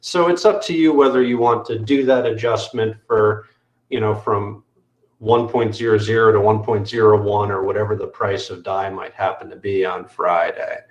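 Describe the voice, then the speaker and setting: A man walking through software on a screen-share video call, explaining step by step with frequent fillers. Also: fairly low pitch, steady tone, normal speed, reverberant, lo-fi sound. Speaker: developer demoing software. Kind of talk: technical screen-share walkthrough.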